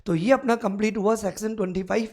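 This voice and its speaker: A woman law tutor giving an exam-prep lecture, acting out scenarios and quizzing the class, then reading legal text out slowly. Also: medium pitch. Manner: animated, acts out scenarios in first person and asks the class questions.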